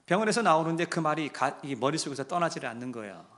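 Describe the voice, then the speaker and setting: Lively, bright-voiced Korean pastor preaching. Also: male voice, on the high side, fast talker. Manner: swings from hushed to loud and impassioned. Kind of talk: sermon storytelling.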